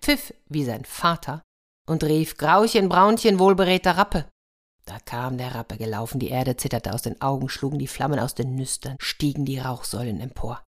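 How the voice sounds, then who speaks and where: Low-voiced woman telling a fairy tale. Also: moderate pace, slightly rough. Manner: lively, addresses the listeners. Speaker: storyteller. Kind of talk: audiobook fairy-tale narration.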